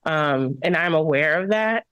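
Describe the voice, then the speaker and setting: A woman's voice: low-pitched, animated, measured pace, a bit bright, smooth, no echo, dull audio. A woman school board member giving earnest, impassioned remarks at a public meeting.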